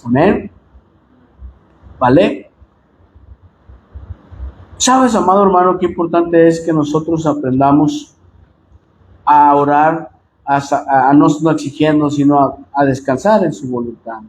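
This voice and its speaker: Impassioned Mexican pastor, high voice. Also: male voice, unhurried, long pauses. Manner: impassioned preaching, often rising to shouts, addressing the congregation directly. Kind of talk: sermon. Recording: echoey room with faint noise.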